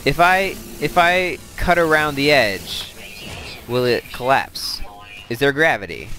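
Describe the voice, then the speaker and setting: A man's voice: mid-range voice, slow, bright, forceful tone, faint music behind. A man hosting a let's play, chatting casually and thinking aloud as he plays, drifting into side stories. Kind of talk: casual gameplay commentary.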